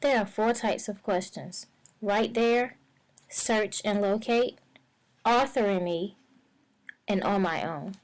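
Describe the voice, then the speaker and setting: A woman teacher narrates a reading lesson, explaining each step clearly and at a measured pace. Her voice sits at a medium pitch. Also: low-quality recording. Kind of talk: instructional narration.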